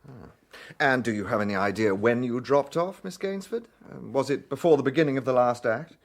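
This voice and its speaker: An actor playing a courteous, probing British police inspector in a radio detective drama, questioning in a measured, polite manner. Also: male voice, medium pitch, close to an everyday voice.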